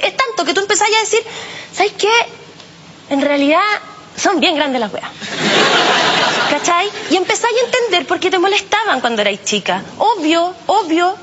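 A woman's voice: very high voice, a bit bright, highs cut off, a little hiss or hum. A woman with a Chilean accent doing a chatty, self-mocking stand-up comedy routine heavy on slang.

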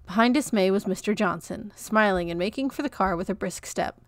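A woman narrating a children's novel in a clear, expressive read-aloud. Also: medium pitch, brisk, no room sound, clean studio sound.

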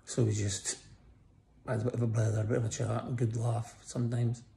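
A middle-aged man lies in a hospital bed giving a casual personal update into a phone held close above his face. His voice is croaky after breathing tubes, medium-pitched, flat and dark in tone. He's tired and talks slowly, pausing often.

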